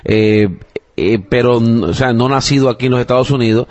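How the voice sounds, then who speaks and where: A father hosting a casual family podcast chats with his young daughter in a medium-pitched voice at normal speed. He's from Puerto Rico, has a Puerto Rican Spanish accent, and talks easily, peppering in fillers and the occasional English phrase.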